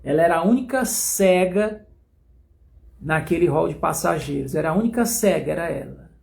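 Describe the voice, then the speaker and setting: A man teaching a Bible study in a sermon style, telling stories dramatically with slow, emphatic phrasing. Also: a little high, animated, gravelly, darkish tone.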